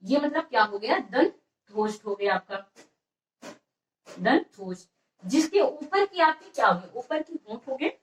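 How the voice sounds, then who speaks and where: A woman's voice: high-pitched, lively intonation, normal speed, roomy sound, distant mic, poor audio. A woman teaching an exam-prep grammar lesson, repeating each question and answering it herself.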